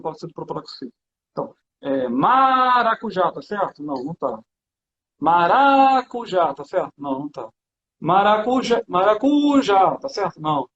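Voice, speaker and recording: A high-pitched man from Brazil talks casually and animatedly, walking through classroom materials. His voice sits in an echoey room. The audio is dull, with a faint hiss behind it. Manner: animated, hands-on, chatty with fillers like "né". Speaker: teacher demonstrating classroom materials. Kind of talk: casual conversation.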